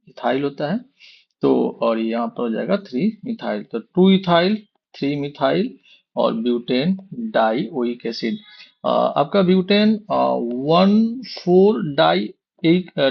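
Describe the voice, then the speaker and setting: A man's voice: fairly high pitch, gravelly. A man teaching a chemistry lesson, often putting questions to the class and answering them himself while repeating the key terms. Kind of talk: explaining a lesson. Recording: dull lo-fi recording.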